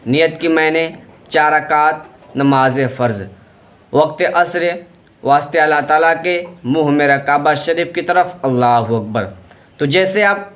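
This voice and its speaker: Guy with a slightly high voice walking you through prayer steps, slow and patient, repeats stuff. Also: fairly bright tone. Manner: plain, patient, repetitive explaining. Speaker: religious teacher. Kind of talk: step-by-step prayer instruction.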